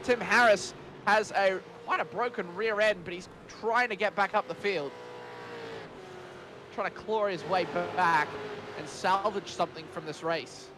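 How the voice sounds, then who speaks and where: A man's voice: sits high, measured pace. A man giving play-by-play motorsport commentary on an online sim race, as a race commentator does. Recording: constant car engine noise. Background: race cars and engine noise.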